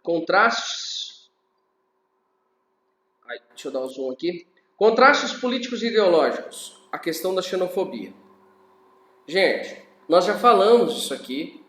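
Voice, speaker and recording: Man, teacher, somewhat high voice, conversational lecture, echoey room. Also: very animated, unhurried, long pauses, fairly bright tone. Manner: conversational, frequent tag questions. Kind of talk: recorded class lecture.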